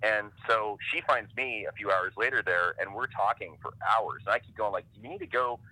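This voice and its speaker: A man from Ohio, a comic creator, telling stories as a podcast guest in a quick, animated way with lots of "like". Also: lowish voice, no echo, rough recording. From Ohio, USA. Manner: rapid, animated, heavy use of "like". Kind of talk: casual interview storytelling.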